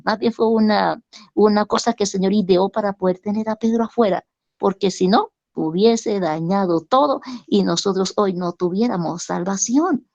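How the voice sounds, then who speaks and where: A woman's voice: mid-range voice, normal speed, darkish tone, no echo. A woman giving a conversational Bible teaching, telling the story with rhetorical questions. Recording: dull lo-fi recording.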